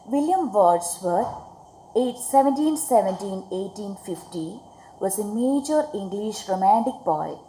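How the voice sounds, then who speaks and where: A woman's voice: mid-range voice, warm tone. A woman with a Malayali Indian accent teaching a poetry lesson to schoolchildren, repeating phrases and asking check questions in a didactic way. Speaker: English teacher. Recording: echoey room, faint background noise.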